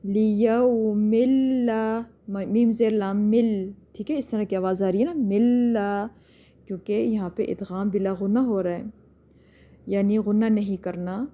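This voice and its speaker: A woman's voice: mid-range voice, fairly even intonation, warm tone. A woman teaching a tajweed lesson, patiently explaining each step and drawing out words as she recites.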